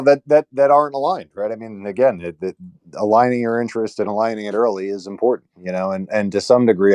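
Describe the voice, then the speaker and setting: A man's voice: sits low, mellow, no room sound. A man co-hosting a casual club call, speaking hesitantly with frequent restarts. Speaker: co-host.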